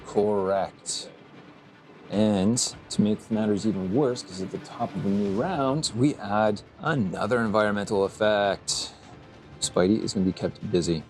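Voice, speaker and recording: A man narrating as game master, halting with many fillers. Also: fairly low pitch, darkish tone, faint music behind.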